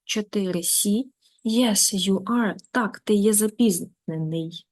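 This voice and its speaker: A woman's voice: mid-range voice, slow, a little mellow. A middle-aged woman teacher giving an online lesson, reading short English examples and explaining each one in her own language.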